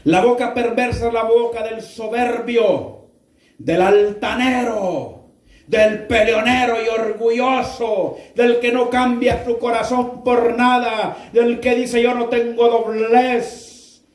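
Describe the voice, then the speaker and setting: A man preaching a sermon, firing rhetorical questions at the congregation and rising into sudden shouts. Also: extremely high pitch, fairly even intonation, takes it slowly. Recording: roomy echo, mic far off.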